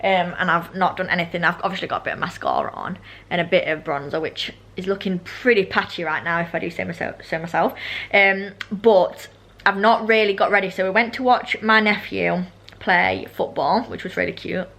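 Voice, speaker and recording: A chatty young British vlogger with braces and elastic bands talks with slightly slushy speech, rambling informally and cutting herself off. Her fairly low voice is a bit fast and fairly bright, with lively intonation and some vocal fry.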